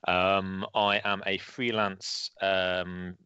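A man's voice: low-pitched, flat delivery, extremely slow, sharp tone, clean tone, no echo, muffled recording. A man in casual interview chat who cannot pronounce his R's properly, saying them like w. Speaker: freelance video game designer, podcast guest.

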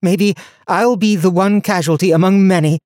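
A man's voice: sits high, steady tone, moderate pace, darkish tone, no echo, clean studio sound, pitched above the performer's own voice, lightly acted. A man voicing an earnest young woman traveler. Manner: earnest, rambling when tired. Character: determined young woman traveler, capable, weary.

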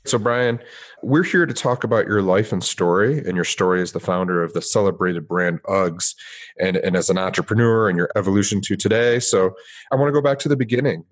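A man hosting a podcast, narrating a scripted introduction and then interviewing a guest. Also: fairly low pitch. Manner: measured storytelling narration. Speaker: podcast host.

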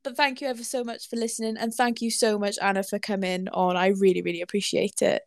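A bubbly Welsh woman hosts a casual podcast interview, her voice edged with a gravelly fry. She sounds enthusiastic and laughs often. The sound is close and dry. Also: mid-range voice, flat delivery, fast, dry recording. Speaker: podcast host.

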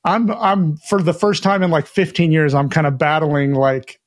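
High-voiced guy cohosting a podcast, upbeat, chatty, trips over his words a bit. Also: fairly even intonation, moderate pace, no room sound, studio quality. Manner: upbeat, chatty, stumbles on restarts. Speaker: podcast co-host. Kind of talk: casual chat.

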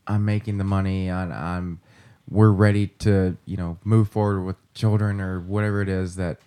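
A man's voice: low voice, little pitch movement, normal speed, mellow, clear, resonant tone. A man in his early thirties co-hosting a podcast, talking openly and reflectively with some self-deprecation. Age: 30s. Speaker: podcast co-host. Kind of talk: casual chat.

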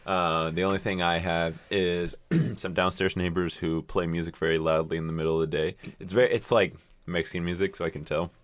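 A man with a very low, deep voice talks in a loose, rambling way, swearing freely and stacking fillers. The sound is dry and close, with no room around it. It is everyday casual chat among friends. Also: flat delivery, a little fast, clear, resonant tone, no echo. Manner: rambling, profane, with many fillers.

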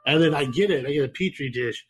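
A man hosting a podcast, chatting casually in a rambling, profane, animated way. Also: fairly high pitch, quick pace, a little hiss or hum. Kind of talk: casual chat.

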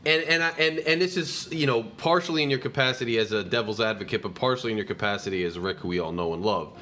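A man's voice: fairly low pitch, quick pace, pushed and bright. A man hosting a live call-in show, talking in a rambling way with many fillers. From New Jersey. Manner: rambling, with frequent fillers and restarts. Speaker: host. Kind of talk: live call-in podcast talk.

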